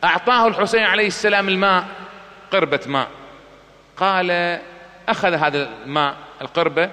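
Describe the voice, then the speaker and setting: A man preaching a sermon, telling a story with passion and chanting poetry loudly and slowly. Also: high-pitched. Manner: impassioned storytelling, recites poetry in a loud slow chant. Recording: long hall reverb.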